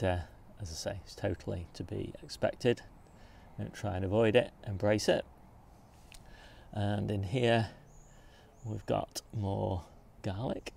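Guy filming his garden outdoors on a phone, low gravelly voice, bit of hiss. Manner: relaxed, informative, pointing things out as he walks. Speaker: gardening channel host. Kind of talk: casual garden tour walkthrough. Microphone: handheld phone camera.

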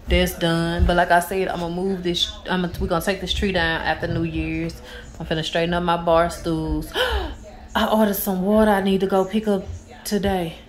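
A woman in her thirties talks to her viewers while she tidies her kitchen. Her voice sits a little low, and she rambles loosely, often circling back with "so yeah". The sound comes from a camera on a tripod a few steps away in a home kitchen. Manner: relaxed, rambling, repeats "so yeah". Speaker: vlogger. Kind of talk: casual cleaning vlog chat. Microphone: camera on tripod across the room.

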